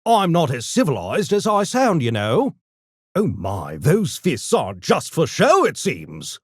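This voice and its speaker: Heavily acted, this erudite, impish gremlin for a video game—a genetically engineered intellectual creature—is voiced by a man in a high register with big pitch swings, a little slow and slightly rough. He's smug and taunting, with posh, pompous, theatrical, mock-courteous phrasing. The sound is close and dry.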